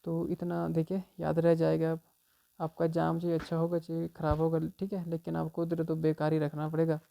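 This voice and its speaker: A man coaches exam students through memory tricks in a loose, conversational way, checking in with "theek hai" after nearly every phrase. His voice is gravelly and dark in tone. He delivers it all on a flat, even line with little rise or fall. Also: fairly high pitch, fairly quick. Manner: repeats "theek hai" constantly, chatty and informal.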